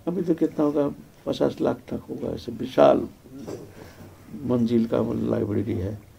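An older man giving a devotional spiritual discourse, telling his life story in a reflective way with repeated phrases and soft trailing fillers. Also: mid-range voice, unhurried, creaky, highs cut off, slight background noise. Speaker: spiritual speaker.

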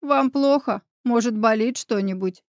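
A bashful young man, embarrassed and soft-spoken, always apologizing, as a woman reader voices him. He is read a touch lower and quieter than the narration, in a close, dry recording. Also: measured pace, dry recording. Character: shy, apologetic young male neighbor. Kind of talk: audiobook character voice.

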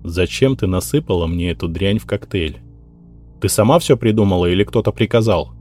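A cold young mage threatens in a low, dark, clipped voice, as a male reader puts him on. He sounds calm and hard, with faint music playing under the storybook. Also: a little fast.

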